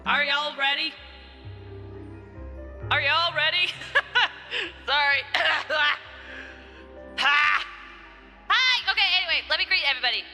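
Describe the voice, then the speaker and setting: Chatty streamer lady on a voice changer, high and bright, bouncy pitch, slow easy talk. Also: in a large hall, soft background music. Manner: playful, chatty, greets viewers one by one. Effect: voice changer shifting the voice up. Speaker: game streamer. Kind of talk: casual live stream chat.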